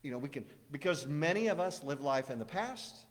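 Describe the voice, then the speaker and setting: A man's voice: fairly high pitch, animated, brisk. Rambling man pastor in a reverberant church. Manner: rambling, warm storytelling with restarts. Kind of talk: casual sermon with jokes. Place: church sanctuary. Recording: long church hall reverb.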